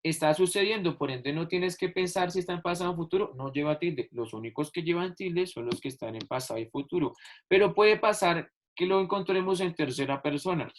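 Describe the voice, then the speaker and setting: A man's voice: fairly high pitch, fairly quick. A male teacher explaining a lesson over a video call, patiently stretching out key words and repeating examples. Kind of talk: online class explanation.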